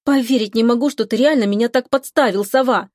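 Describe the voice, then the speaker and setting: A woman reads a young woman who is quick to anger and grumbles through her words, her voice lifted noticeably higher than the narration. The sound is close and dry, with no room around it. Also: a little mellow, dry recording, close to an everyday voice. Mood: indignant. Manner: snappy, indignant grumbling. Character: young woman, irritable and sharp-tongued. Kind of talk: audiobook character voice.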